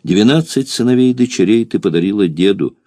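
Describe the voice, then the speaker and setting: A man voicing an elderly grandfather speaking solemn, tender words in a slow biblical cadence. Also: fairly low pitch, animated, dark tone, no room sound, studio quality.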